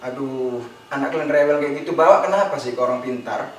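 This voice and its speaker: A man's voice: medium pitch, fast, pitched below the performer's own voice, natural voice. A man voicing a nosy middle-aged neighbor who grumbles and complains. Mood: complaining. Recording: very echoey room, distant mic.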